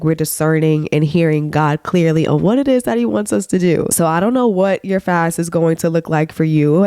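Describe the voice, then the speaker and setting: A woman hosting her own podcast, sick and a bit hoarse, chatting in a casual, encouraging way with lots of "like" and "okay?". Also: sits low, mellow, dry recording, studio quality. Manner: chatty, many "like"s and "okay?" check-ins to listeners; faith-minded encouraging talk. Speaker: podcast host. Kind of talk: casual solo podcast chat. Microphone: podcast microphone.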